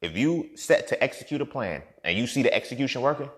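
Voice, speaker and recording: A man in his thirties giving a profane, impassioned monologue as a podcast host, swinging from low muttering to loud outbursts. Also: animated, fast talker. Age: 30s.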